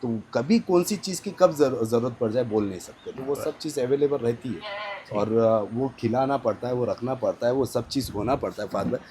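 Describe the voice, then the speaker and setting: A man's voice: medium pitch, normal speed, noisy background. A man with an Indian accent, a goat farm owner, talking casually in an interview on his farm, emphatic and insistent in short clipped phrases.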